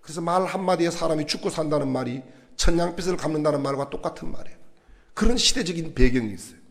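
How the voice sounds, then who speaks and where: A man preaching a sermon in a church, animated and asking the congregation questions. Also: a little high, quick pace, gravelly. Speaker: pastor.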